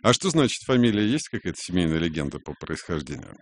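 Radio host guy, lowish voice, wry questions, dry studio. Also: big pitch swings, quick pace, no echo. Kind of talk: radio interview.

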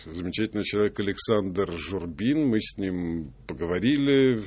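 A man's voice: low voice, moderate pace, darkish tone, a little hiss or hum. A man hosting a radio interview, asking leading, conversational questions. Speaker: radio host.

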